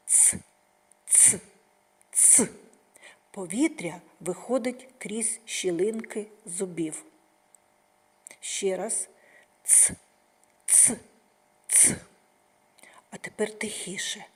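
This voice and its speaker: Slow, breathy kindergarten teacher woman. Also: medium pitch, darkish tone. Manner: slow, sing-song, exaggerated articulation. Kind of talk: speech lesson for small children.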